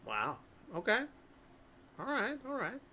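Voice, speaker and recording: A man running a tabletop horror game as game master, relaxed and hesitant, often clearing his throat and saying um. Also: high-pitched, slow, a loud crowd.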